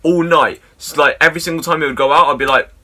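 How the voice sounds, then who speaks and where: A young man, rambling through an absurd comic story with lots of swearing and deadpan asides. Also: on the high side, fast talker.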